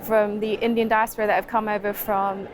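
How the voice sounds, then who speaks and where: A woman research associate calmly explaining her work in an interview. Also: mid-range voice, a little fast, background noise. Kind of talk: interview at an event.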